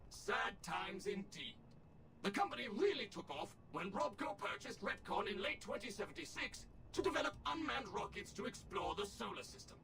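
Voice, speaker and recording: A glossy, too-smooth robot tour guide in a video game, pitched high and bright. He swings his pitch all over the place as he delivers a polished sales pitch, with a gravelly fry under the shine. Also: slight background noise, full character voice. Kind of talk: video game character dialogue.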